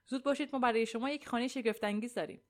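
A woman's voice: fairly high pitch, fairly even intonation, natural voice. A woman doing a glib, boastful architect man. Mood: confident, selling. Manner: glib, self-assured. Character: pushy, boastful male architect salesman.

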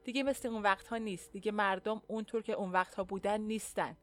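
Grumbling old man of the village in a storybook, clear-spoken, voiced by a woman. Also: medium pitch, fairly even intonation, no echo, faint music behind, natural voice.

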